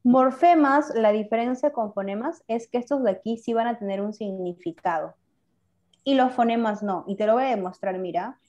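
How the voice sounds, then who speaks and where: A woman's voice: a little high, moderate pace, darkish tone, muffled recording. A woman teacher, giving a class and asking her students questions, then praising their answers. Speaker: language teacher. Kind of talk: online class lesson.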